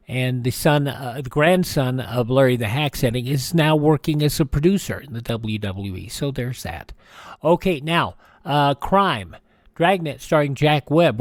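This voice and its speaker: In studio-quality audio without echo, a radio show host with a mid-range voice chats casually while running through celebrity birthdays and introducing old radio shows. His talk wanders a bit, and he fixes his own slips along the way.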